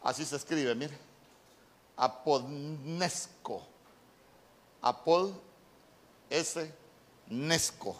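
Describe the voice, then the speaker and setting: Man, pastor, sermon; slow, measured, repeats words; slightly high voice. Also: a bit bright. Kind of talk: sermon with Bible word study.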